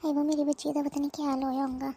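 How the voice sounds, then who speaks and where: A woman's voice: sits high, flat delivery, very fast, warm tone. A woman voicing a worried older mother-in-law, rambling and pleading. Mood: fretting. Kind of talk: cartoon voice acting.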